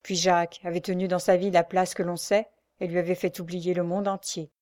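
Calm woman narrating a novel. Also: lowish voice, no room sound, clean studio sound. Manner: calm, measured storytelling. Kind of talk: scripted audiobook narration of a novel.

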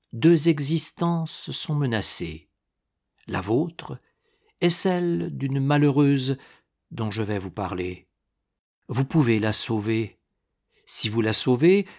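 A man reading an audiobook and voicing a mysterious old woman seer who speaks slowly, gravely and insistently. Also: mid-range voice, exaggerated voice.

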